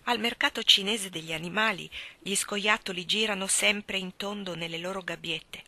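A woman reading a novel aloud as an audiobook, narrating in a hushed, intimate way. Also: medium pitch, normal speed. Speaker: reader.

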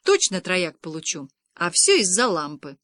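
A woman's voice: fairly low pitch, wildly swooping pitch, normal speed, a bit bright, no echo, studio quality. A woman reading the part of a whining schoolboy complaining about a test. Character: whiny schoolboy, youngest brother.

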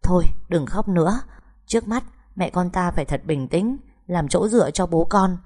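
A tough but tender middle-aged mother from a village, read by a woman narrator, speaking in a low, mellow voice. She talks earnestly and soothes those around her. Audiobook storytelling. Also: moderate pace, lightly acted. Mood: anxious, soothing.

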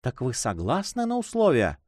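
A man voicing a shy young woman in love, speaking softly and tenderly. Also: mid-range voice, wildly swooping pitch, moderate pace, dry recording, clean studio sound. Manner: soft, hushed, tender.

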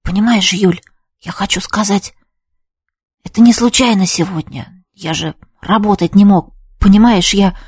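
A woman voicing a shy, earnest teenage boy in a storybook reading, speaking in a hesitant, halting way. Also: mid-range voice, breathy edge, no room sound, clean studio sound.

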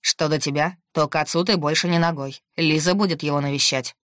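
A woman's voice: deep voice, steady tone, fairly quick, fairly bright tone, no room sound, clean studio sound. A woman voicing a stern grown-up male boss who speaks in a clipped, commanding way.

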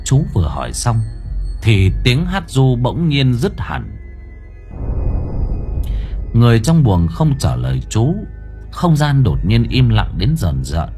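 Expressive male horror story narrator. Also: takes it slowly, long pauses. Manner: dramatic, highly expressive. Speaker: audiobook narrator. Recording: faint background music.

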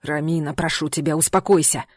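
A tender, protective young male knight speaks softly and earnestly, as a woman reading an audiobook puts him on. His voice sits very low and deep. The storybook reading is close and dry, with no room sound. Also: steady tone, brisk, dry recording. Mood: urgent. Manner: soft, low and earnest, half-whispered. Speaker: audiobook reader. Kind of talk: audiobook character voice.

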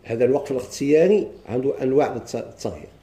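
A man's voice: medium pitch, animated, mellow. Moroccan man teaching a grammar class. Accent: Moroccan Arabic. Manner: questions the class and answers himself, reads lines slowly. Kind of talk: classroom lesson explaining a text.

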